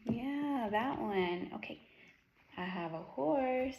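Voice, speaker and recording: Female, higher-pitched, unhurried child-directed teaching voice as to a toddler, encouraging and repetitive; noisy room recording. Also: animated, a little mellow, roomy sound. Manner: encouraging, repetitive, sing-song animal sounds and praise. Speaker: teacher or speech therapist working one-on-one with a young child. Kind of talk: child-directed teaching talk, simple prompts and praise as to a toddler.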